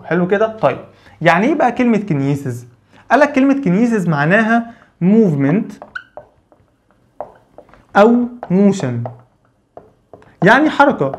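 Male lecturer, Egyptian accent; very fast, slightly raised pitch, rhetorical question-and-answer delivery. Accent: Egyptian Arabic. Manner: rapid, repeats questions and answers them himself. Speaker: physical therapy lecturer. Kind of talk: lively explanatory lecture.

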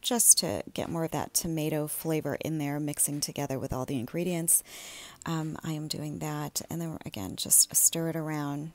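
Relaxed woman with a gravelly low voice. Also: moderate pace. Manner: relaxed, chatty, with fillers and small laughs. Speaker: home cook vlogger. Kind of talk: casual cooking voice-over.

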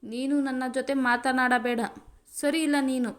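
A sulky, childish young bride with a pouting, whiny way of talking, as a woman narrator puts her on. Her voice sits fairly high. She sounds like a storybook reading. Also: steady tone, moderate pace, close to an everyday voice. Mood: hurt sulking.

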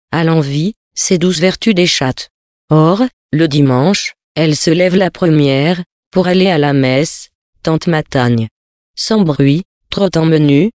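A narrator reading old tales in a measured, literary manner. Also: medium pitch, a little mellow, no room sound, clean studio sound.

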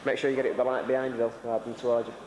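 A young man from the United Kingdom films a tour of a large indoor car workshop on a handheld camcorder, giving casual, chatty commentary as a visitor and pointing things out with dry humour. His mid-range voice is flat and very fast. The poor audio carries loud workshop and engine noise plus crowd noise behind him.

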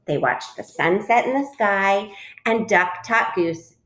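A woman reading a picture book aloud to children as a teacher, gently stopping to ask them questions. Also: medium pitch, lively intonation, slow pace. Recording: roomy echo.

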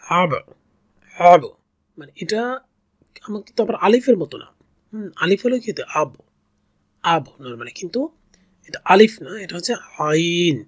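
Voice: medium pitch, animated, a little slow, pauses often, dry recording. A reading teacher in a step-by-step lesson, sounding out syllables one at a time, repeating each and drawing out the long vowels. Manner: patient, repeats each syllable several times.

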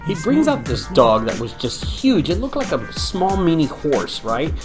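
A man narrating his work vlog as a voice-over, telling the story in an animated, joking way. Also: fairly high pitch, a little slow. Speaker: junk removal business owner. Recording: voice-over with loud background music.

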